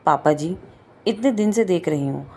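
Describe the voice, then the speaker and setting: A woman's voice: fairly low pitch, expressive, moderate pace, warm tone. A woman voicing a worried, hesitant young daughter-in-law in a read-aloud story. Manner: hesitant, respectful. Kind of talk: storybook reading.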